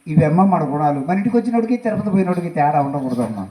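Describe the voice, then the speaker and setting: A man's voice: very high-pitched, sing-song, racing. A fussy, doting old mother. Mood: pleading. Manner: loud, pleading, bantering. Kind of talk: stage comedy acting. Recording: echoey stage recorded from afar with music.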